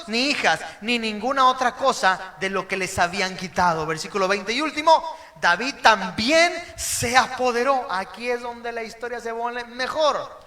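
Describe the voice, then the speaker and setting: A male pastor preaching an emphatic sermon, calling on the congregation to repeat key words and sometimes shouting them. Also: very high voice.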